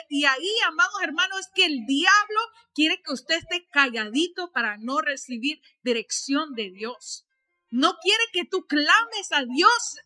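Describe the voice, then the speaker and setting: High bright animated woman preacher. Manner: animated preaching, rising to shouts and dropping to soft asides; frequent tag questions to the congregation. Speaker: pastor. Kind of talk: sermon. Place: church.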